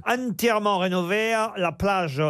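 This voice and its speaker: High-voiced chatty radio quiz host. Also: male voice, a little slow, a bit bright, no echo, studio quality. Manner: chatty, reads prize plugs, teases panelists. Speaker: radio game show host. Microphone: studio microphone.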